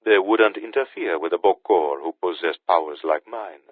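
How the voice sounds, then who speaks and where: A man voicing a suave, menacing male Haitian sorcerer villain with a Caribbean-tinged British accent, speaking smoothly and mockingly over a phone line. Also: low-pitched, normal speed, no echo. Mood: smug menace. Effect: phone line filter.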